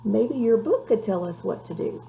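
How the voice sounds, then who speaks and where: Storybook dragon child, read by a woman: small earnest boy, easily discouraged, lively intonation, soft-edged tone. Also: fairly high pitch, moderate pace, vocal fry, slight background noise.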